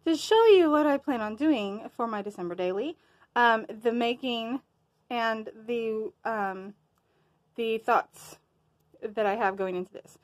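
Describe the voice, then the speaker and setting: Give me a slightly high-voiced woman vlogger, a little out of breath, chatting loosely about her craft plans. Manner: rambling, loses her train of thought. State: a bit winded. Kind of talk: casual show-and-tell chat.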